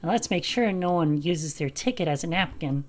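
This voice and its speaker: A woman's voice: low-pitched, animated, normal speed. A woman streamer giving casual gameplay commentary with wry asides.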